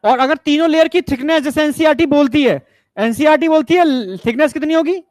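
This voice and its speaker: Male biology teacher, very high voice, coaxing classroom manner, dry close recording. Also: fairly quick, no echo. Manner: coaxing, keeps asking if students understood; mixes English science terms into Hindi. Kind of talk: classroom lecture.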